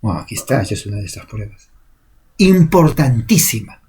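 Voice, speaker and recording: A man's voice: mid-range voice, big pitch swings, brisk, darkish tone, breathy edge. A man preaching a sermon, emphatic, pushing his voice up to stress key words.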